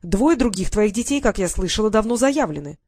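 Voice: medium pitch, lively intonation, a little fast, darkish tone, no room sound, studio quality, lightly acted. A reader doing a stern, insistent councillor woman. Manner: insistent, indignant. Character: stern dark-haired female councillor.

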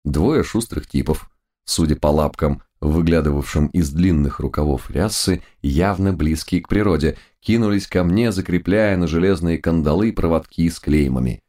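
Brief: male narrator, extremely low voice, wry and ironic, first-person audiobook reading. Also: normal speed, mellow.

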